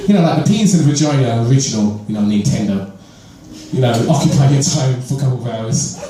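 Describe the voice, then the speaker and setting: Male London comic, mellow tone, distant mic, roomy live-club sound with faint crowd ambience. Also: medium pitch, animated, quick pace, slight background noise. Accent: London English. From London, England. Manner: conversational, laughs at own jokes. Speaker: stand-up comedian. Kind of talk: stand-up set. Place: comedy club stage.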